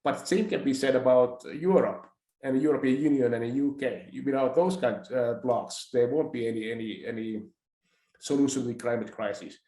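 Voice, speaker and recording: A man, hosting a discussion and calmly pushing back on his guest's view. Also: medium pitch. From Finland. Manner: measured, pushes back politely. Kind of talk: conversational discussion. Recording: roomy echoing audio.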